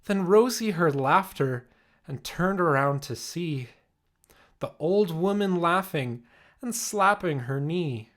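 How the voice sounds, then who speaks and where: A man reading a rhyming children's picture book aloud in an expressive, measured way. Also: a little high. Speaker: story reader.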